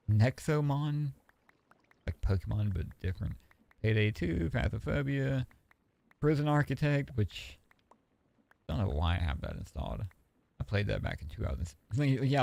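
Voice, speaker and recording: A man streaming, chatting casually in a relaxed, rambling way and swearing freely. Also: medium pitch, gravelly, no room sound.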